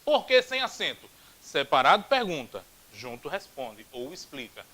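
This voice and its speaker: A man with a Brazilian Portuguese accent teaching a grammar video lesson. He is animated, repeats drills aloud and drops jokey asides. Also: on the high side, normal speed, low-quality recording.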